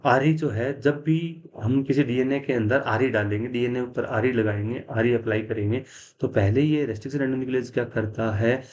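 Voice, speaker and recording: Teacher quizzing himself through a biology lecture. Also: male voice, medium pitch, a little mellow. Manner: explains step by step, asks and answers his own questions; mixes English science terms into Hindi. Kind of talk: classroom lecture.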